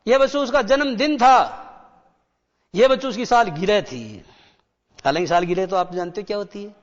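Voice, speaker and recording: A male teacher giving a classroom lecture, repeating key words, quizzing the children and slowing down to read English lines. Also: high-pitched. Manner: slows right down when reading English lines. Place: broadcast studio. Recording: dull sound with long hall reverb.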